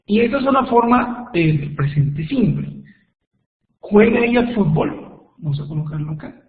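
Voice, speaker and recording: A man teaching an online English grammar lesson, explaining slowly and patiently with repeated examples. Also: on the high side, big pitch swings. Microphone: computer microphone on a web call. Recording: echoey tinny web conference audio.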